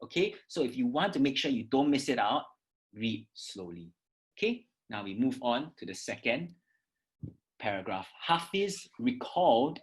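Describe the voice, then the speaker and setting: Speaking at a medium pitch, a Singaporean English oral exam teacher demonstrates reading aloud in an instructive lesson. She pronounces words deliberately and emphatically, frequently confirming the listener is following with "okay" and "right".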